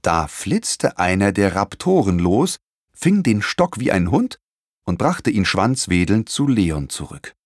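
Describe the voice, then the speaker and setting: A man reading a children's storybook aloud, his lowish voice rising and falling with great animation. The reading is expressive and recorded close and dry. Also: slow pace, dry recording. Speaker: audiobook narrator. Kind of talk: storybook narration.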